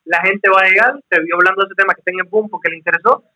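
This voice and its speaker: A Cuban man with a high, piercingly bright voice who explains things in an easy, conversational way. His tone is sharp and forward. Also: fairly even intonation, racing, rough recording. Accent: Cuban Spanish. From Cuba. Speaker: YouTuber guest. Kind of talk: casual chat.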